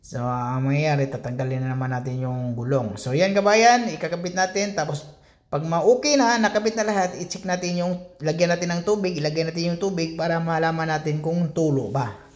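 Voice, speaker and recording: A man's voice: a little high, brisk. A man from the Philippines, a regular vlogger, talking casually as he walks viewers through body repairs in an auto shop and keeps addressing them as countrymen.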